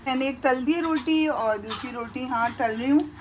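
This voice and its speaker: A woman's voice: high-pitched, normal speed, a little hiss or hum. Chatty mother vlogging from her kitchen. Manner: chatty, talks straight to viewers and fondly to her sons. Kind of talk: casual cooking vlog narration. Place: home kitchen. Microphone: handheld camera.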